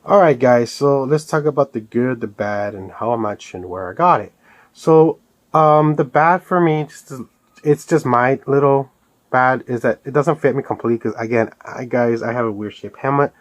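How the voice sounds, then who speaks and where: A man rambles casually through an unboxing review vlog, clearly an enthusiastic collectibles fan. His voice is medium in pitch at a normal speed, and the recording is dry.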